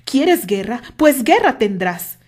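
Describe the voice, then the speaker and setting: A woman's voice: on the high side, big pitch swings, takes it slowly, a little mellow, pitched above the performer's own voice, exaggerated voice. A woman voicing a self-assured man who talks firmly and cuttingly. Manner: firm, cutting delivery. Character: self-assured man, firm and mocking rival.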